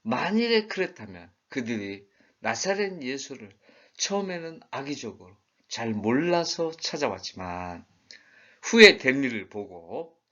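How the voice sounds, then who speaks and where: A man's voice: on the low side, bright, forceful tone. A man giving a conversational Bible study lecture, asking rhetorical questions and acting out quoted lines in regional dialects. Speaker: Bible teacher. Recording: dull lo-fi recording.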